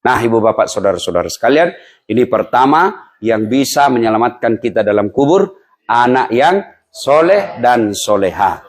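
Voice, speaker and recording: A man preaching a humorous, animated sermon in a mosque, acting out quoted voices. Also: lowish voice. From Indonesia. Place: mosque hall.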